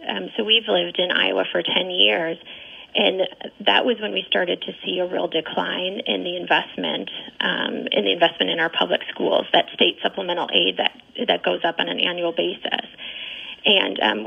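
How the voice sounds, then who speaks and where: A woman's voice: mid-range voice, gravelly, husky. A middle-aged woman giving earnest, explanatory answers as a guest in a radio interview, with muffled sound. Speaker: parent advocate and interview guest.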